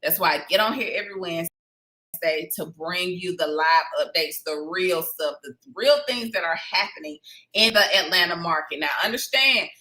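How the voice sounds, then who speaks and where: A woman's voice: fairly low pitch, normal speed, sharp tone, poor audio. A woman, a real estate agent hosting a casual weekly live stream, chatty and promotional. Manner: chatty and promotional, with southern "y'all".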